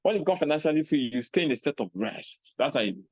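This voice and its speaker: A man with a Nigerian accent giving a motivational talk, animated, acting out little scenes in a raised voice. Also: fairly high pitch, fast, dry recording, lo-fi sound. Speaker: speaker on personal finance.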